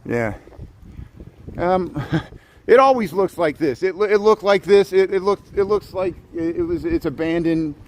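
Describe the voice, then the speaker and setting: A man's voice: high-pitched, expressive, measured pace, darkish tone. A middle-aged man from Southeast Indiana livestreams as he walks a small-town main street outdoors, talking casually with many fillers and restarts. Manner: rambling, lots of fillers and restarts. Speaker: live streamer.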